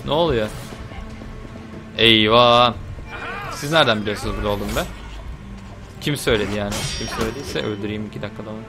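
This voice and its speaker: A young man giving casual, chatty commentary while playing a video game, talking to the game and swearing lightly with sudden excited outbursts. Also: lowish voice, quick pace, long pauses, over music. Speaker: gameplay video host. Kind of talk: casual let's-play commentary.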